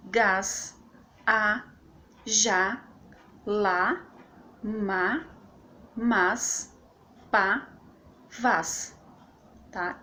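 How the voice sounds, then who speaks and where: A woman's voice: medium pitch, slight background noise. A woman teaching a recorded grammar lesson for a course, explaining patiently and checking in with the viewers as she goes. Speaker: course instructor.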